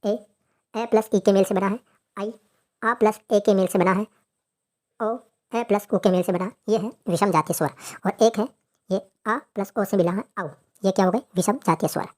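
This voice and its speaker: A woman's voice: mid-range voice, steady tone, normal speed. A woman teaching grammar in a lecture, asking questions and then answering them herself.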